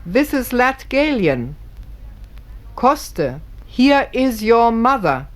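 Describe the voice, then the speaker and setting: A woman's voice: on the high side, sing-song, extremely slow. A woman giving formal, scripted narration, reading carefully and precisely.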